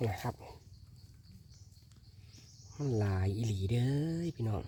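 A man with an Isan Thai accent, narrating a casual foraging vlog in a forest and calling out excitedly to his viewers. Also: on the low side, takes it slowly, slight background noise. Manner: excited exclamations, addressing viewers as brothers and sisters. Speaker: foraging vlogger. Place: forest outdoors.

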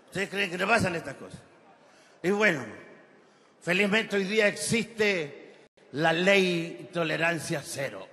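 A man's voice: a little high, pushed and bright. Chilean man doing crude stand-up. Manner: crude, rambling joke-telling with slang. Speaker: stand-up comedian. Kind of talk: stand-up comedy set. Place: large festival amphitheater stage. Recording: reverberant live venue with crowd ambience.

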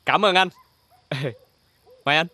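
A man's voice: high-pitched, unhurried, pushed and bright, no echo, full character voice. An actor playing a fawning young man, ingratiating and giggly.

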